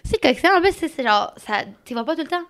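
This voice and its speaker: Woman, young adult, Québécois French accent, high-pitched, animated, casual chat. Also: fast talker. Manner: animated storytelling, dramatic. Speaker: co-host.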